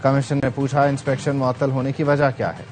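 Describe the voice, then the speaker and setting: Brief: male news anchor, flat even read, loud music bed behind. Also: medium pitch, fast talker. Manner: even, formal news delivery. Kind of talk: scripted news headlines.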